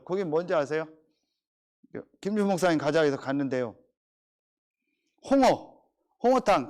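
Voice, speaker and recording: With a notably high voice that swings widely up and down, a middle-aged pastor tells stories during an animated, conversational sermon. He repeatedly presses his listeners with rhetorical questions.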